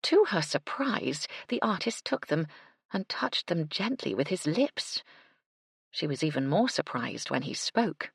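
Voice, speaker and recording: A woman narrating a cozy mystery audiobook with a measured, expressive delivery. Her voice is low and gravelly with a husky edge. The sound is close and dry. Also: dry recording. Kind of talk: scripted narration.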